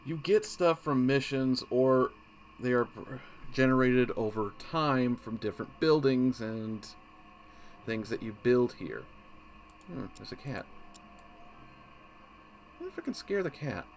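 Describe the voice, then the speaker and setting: Guy doing a chill game walkthrough, wanders off topic a lot, cuts himself off, middle-pitched voice. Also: animated, a little slow, pauses often, a little hiss or hum. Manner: rambling, easily distracted, self-interrupting. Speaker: gaming channel host. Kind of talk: casual game walkthrough commentary.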